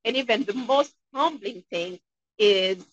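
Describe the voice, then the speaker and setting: Upbeat Haitian-accented woman, lively pitch. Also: measured pace, dull audio, a little hiss or hum. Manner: upbeat, expressive, acts out quotes. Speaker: guest dentist. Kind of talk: interview conversation.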